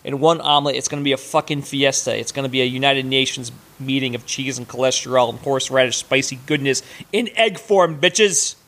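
A man's voice: mid-range voice, fairly bright tone. A man hosting a sports fan show, ranting with sarcasm and profanity while he cooks. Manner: sarcastic, profane, fast rants. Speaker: host of a sports fan podcast. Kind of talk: casual ranting commentary while cooking.

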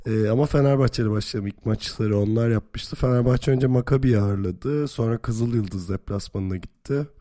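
A man with a slightly hoarse voice hosting a casual sports podcast, talking in a jokey, self-deprecating way. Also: mid-range voice, normal speed, mellow, no echo, clean studio sound. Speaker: podcast host.

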